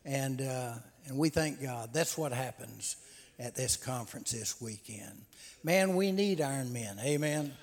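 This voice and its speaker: At a men's conference for church, a host speaks at a measured pace in a mid-range voice, delivering announcements and testimony. His folksy talk leans on "uh" fillers and repeated words. The recording carries the long reverb of a big hall.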